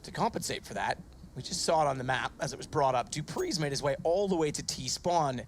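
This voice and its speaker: A man's voice: on the high side, expressive, brisk, a little hiss or hum. A man working as an esports caster, giving descriptive play-by-play that follows the action of a match. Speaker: esports commentator.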